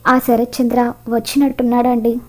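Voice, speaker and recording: A woman reading the lines of a worried, protective middle-aged mother in a flat way. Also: on the high side, brisk, lightly acted.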